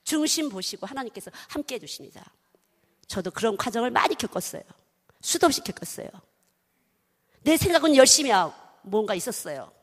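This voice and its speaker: A middle-aged woman preaching with great emphasis, her voice leaping across a wide range. She drops to hushed whispers, then rises to ringing calls. Her voice rings out in a long-reverb hall. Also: a little high, sing-song, brisk. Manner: emphatic, swings from loud exclamations to hushed whispers. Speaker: children's missionary preaching. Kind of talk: sermon.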